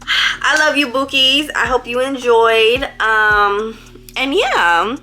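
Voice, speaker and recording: A woman's voice: on the high side, expressive, slow, bright, forceful tone. A teenage girl, giving school advice in a rambling, playful, chatty vlog. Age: teens. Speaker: vlogger.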